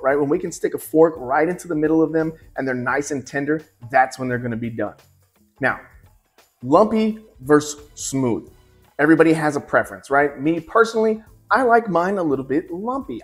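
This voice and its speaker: A man in his forties hosting a relaxed home cooking demonstration from his kitchen, easygoing and chatty, with asides to the viewer. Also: mid-range voice. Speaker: cooking show host.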